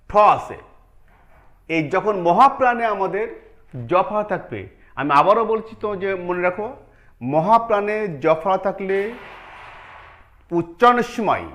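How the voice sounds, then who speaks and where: A man's voice: sits high, a bit bright. A man teaching an online pronunciation lesson, explaining step by step, repeating key points and putting questions to his students.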